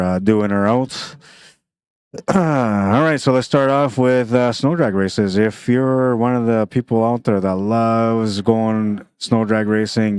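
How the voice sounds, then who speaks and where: Man, pool stream commentator, chatty, smooth voice, dry close sound. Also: on the low side, a little mellow, no echo. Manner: chatty, thinks aloud about shots. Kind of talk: casual play-by-play commentary.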